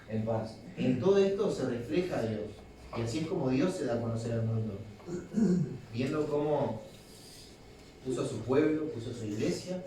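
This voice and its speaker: A man's voice: medium pitch, mellow, heavy reverb, recorded from a distance, slight background noise, poor audio. A young Uruguayan man preaching a sermon in a conversational way, acting out quotes and restarting his sentences. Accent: Uruguayan Spanish. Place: church hall.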